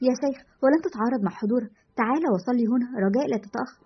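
A woman voicing a calm, businesslike male investigator who leads a team, in a dull lo-fi recording. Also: fairly high pitch, racing, breathy edge.

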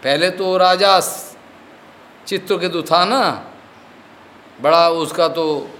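A man's voice: sits high, slow, a bit bright, slight background noise. A man giving a devotional discourse as a spiritual teacher, explaining with stories, slipping in English words and often asking whether his listeners have understood.

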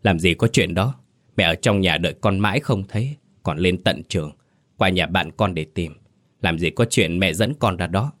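A grieving village mother who cries out and pleads for her daughter, voiced by a male storyteller. The voice stays deep and low, close to his own narrating tone. She sounds frantic and desperate. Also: normal speed, a bit bright, dry recording. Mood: insistent. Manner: crying out, pleading.

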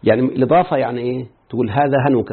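A man's voice: medium pitch, rapid-fire, vocal fry, a crowd in the background. A man with an Egyptian accent, a sheikh explaining an Arabic grammar text and quizzing his students as he goes. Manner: quizzing students with repeated checks. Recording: tinny phone-like line.

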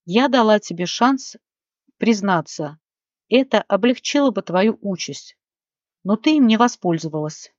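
A woman doing a stern high fairy. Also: lively intonation, a little mellow, dry recording, lightly acted. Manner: stern, measured. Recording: dry, slightly muffled recording.

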